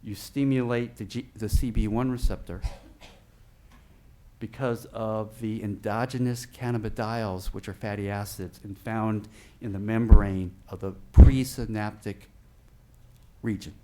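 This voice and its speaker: A man teaches a class in a large hall, and his voice echoes back off the walls. He explains patiently in small steps and pauses to check in with his listeners. The hall reverb stays on every phrase. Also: lowish voice, fairly even intonation, dark tone. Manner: explanatory, checks in with "okay?" and car analogies. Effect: echo of a big hall on his voice. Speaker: lecturer. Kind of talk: teaching lecture on brain science.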